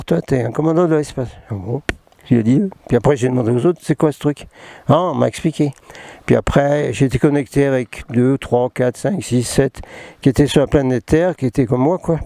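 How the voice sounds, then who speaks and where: A man's voice: mid-range voice, dark tone, no echo. A man, talking casually about spiritual matters, rambling and joking at himself with many restarts. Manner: jokey, self-mocking, rambling with many restarts. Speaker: spiritual channeler hosting a talk. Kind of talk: casual spoken talk mixing reading and asides.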